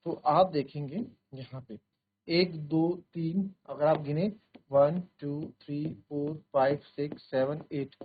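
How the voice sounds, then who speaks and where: Hindi maths teacher over a thin line. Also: male voice, on the high side, steady tone, slow pace, narrow, tinny audio, slight background noise. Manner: explains step by step, counts aloud, asks checking questions; voices students' doubts himself and answers them. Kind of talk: classroom lecture mixing Hindi and English. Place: virtual classroom studio.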